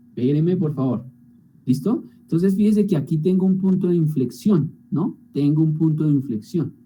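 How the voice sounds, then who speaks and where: A man's voice: fairly high pitch, dark tone, a little hiss or hum, poor audio. A male teacher walking students through spreadsheet calculations in an online class, often checking in with them. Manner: talks through spreadsheet steps, frequent checking tags.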